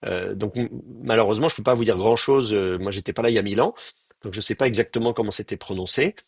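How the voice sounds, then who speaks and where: A man's voice: fairly low pitch, fast talker, husky, no echo, clean studio sound. A man teaching a live grammar lecture, thinking aloud with many fillers and restarts and speaking straight to his students. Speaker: Hebrew teacher.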